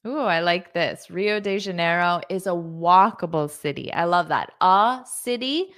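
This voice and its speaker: A woman's voice: fairly low pitch, a little slow, a bit bright. A woman teaching English in a live online lesson, reading out viewer comments, repeating words patiently and praising students.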